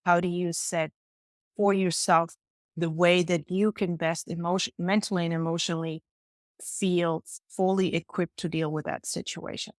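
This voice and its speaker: Speaking at normal speed in a fairly low, level tone, a middle-aged Danish woman earnestly and emphatically explains her coaching work in conversational interview answers. The recording is clean studio sound with no room sound.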